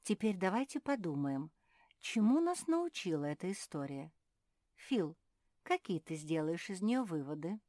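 Woman putting on a patient owl detective, calm, slow, dry close sound. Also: fairly low pitch, no room sound. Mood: teaching. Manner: calm, teaching, gently firm.

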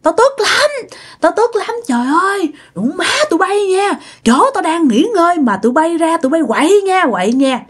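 Raging male ghost spirit put on by a woman storyteller, yells and threatens, wild pitch swings. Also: sing-song, moderate pace. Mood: defiant. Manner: shouting, ranting, threatening. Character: furious male ghost possessing a girl.

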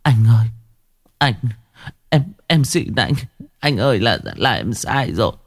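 A man's voice: high voice, animated, measured pace, no room sound, clean studio sound, pitched above the performer's own voice, exaggerated voice. A man voicing a pleading young woman, an unfaithful wife who stammers and sobs as she begs. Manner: stammering, begging. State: sobbing.

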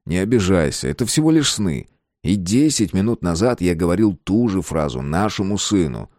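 A man's voice: deep voice, big pitch swings, moderate pace, a little mellow, dry recording. A man reading an audiobook voices a wry, joking young husband close to his own voice. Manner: joking, easygoing. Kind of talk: audiobook character voice.

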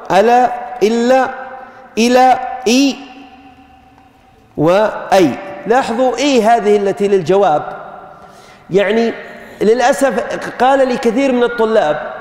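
A man's voice: sits high, a little mellow. A man giving a grammar lecture, explaining step by step and quizzing his students. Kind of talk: classroom lecture. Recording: echoey hall with long reverb.

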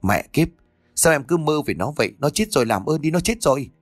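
A man voicing a tense, short-tempered young husband who speaks in gruff, curt bursts. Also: medium pitch, animated, fairly quick, no echo, clean studio sound, soft background music, lightly acted. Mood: angry.

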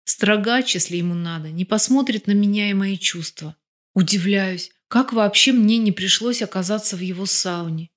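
A woman's voice: mid-range voice, moderate pace, lightly acted. Audiobook: woman reader doing a blunt, ironic wife. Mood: serious. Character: sharp-tongued beautiful wife, ironic.

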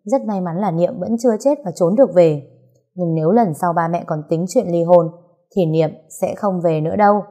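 A woman's voice: lowish voice, moderate pace, mellow, close to an everyday voice. A woman voicing a cheeky, chubby little boy in a storybook reading, with a playful, wheedling child voice. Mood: tall-tale.

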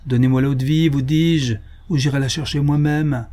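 A man's voice: medium pitch, fairly even intonation, normal speed, mellow, pitched above the performer's own voice, lightly acted. A man reading aloud voices a dying, hard-drinking old baronet who keeps insisting and commanding, rising to angry outbursts. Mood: angry, demanding.

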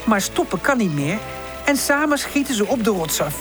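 A woman narrating a children's storybook in a calm, gentle reading voice. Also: a little high, moderate pace, music in the background. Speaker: audiobook narrator.

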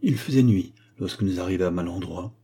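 A man reading a short story aloud as narrator, in a measured storytelling manner. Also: sits low, mellow, husky. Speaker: audiobook narrator. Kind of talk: scripted narration.

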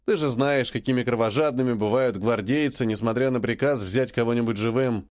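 A man voicing a stern alien rebel leader who speaks in a cold, grim, measured way. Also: mid-range voice, darkish tone, close to an everyday voice.

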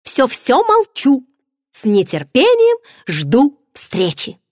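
A woman's voice: on the high side, sing-song, measured pace, darkish tone, no room sound, clean studio sound, pitched above the performer's own voice. A woman voicing a playful, nosy young pregnant friend who teases with pushy questions. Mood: teasing. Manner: teasing, bubbly, pushy questions.

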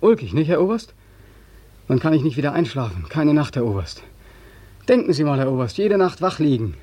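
A bitter, worn-out young soldier. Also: male voice, a little high, very animated, a little fast, warm tone. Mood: haunted. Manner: bitterly ironic, weary, repetitive address. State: exhausted. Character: exhausted young male war returnee, bitter, sleepless. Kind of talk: 1940s radio acting.

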